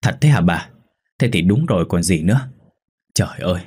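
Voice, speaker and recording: Người đàn ông giả giọng ông chồng già cứng đầu, nói lắp bắp. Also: male voice, deep voice, darkish tone, breathy edge. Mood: earnest. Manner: halting, stammering whispers when terrified. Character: elderly village husband, stubborn, easily frightened.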